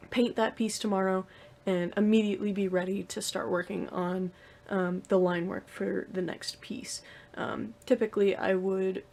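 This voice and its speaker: A woman's voice: mid-range voice, a little mellow. A young woman talking casually to the camera in her room at home, rambling with lots of fillers and restarts. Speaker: vlogger. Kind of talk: casual vlog talk to camera.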